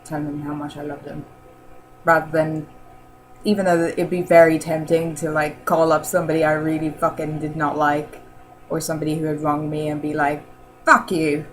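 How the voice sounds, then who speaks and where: Low-voiced woman rambling casually. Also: monotone, fairly quick, slight background noise, low-quality recording. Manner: rambling, many "um"s, laughs often. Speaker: vlogger answering model-challenge questions. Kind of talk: casual chat.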